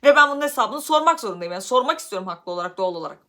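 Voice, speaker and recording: A high, bright woman's voice from Turkey, talking fast. She tells a story in a casual vlog, and her voice climbs and gets loud as she warms up. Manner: animated, voice rises loudly when upset. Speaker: vlogger.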